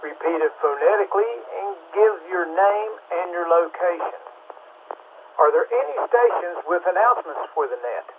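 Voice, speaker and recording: A man runs an amateur radio net as its control operator, reading out procedural calls. His fairly high voice comes through a narrow, phone-like radio channel with light static. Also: lively intonation, moderate pace. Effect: two-way radio transmission with static. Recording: narrow, static-laced ham radio transmission.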